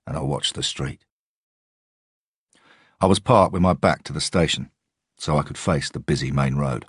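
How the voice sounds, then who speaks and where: An audiobook narrator reads a first-person story in a measured, steady manner. His voice is extremely deep and somewhat husky, recorded close and dry with no room sound or echo.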